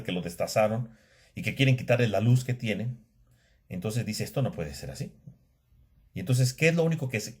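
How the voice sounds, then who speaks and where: A man giving a casual classroom lecture, often checking in with his listeners and restarting sentences. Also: medium pitch. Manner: conversational, tag questions, frequent restarts. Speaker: theology lecturer.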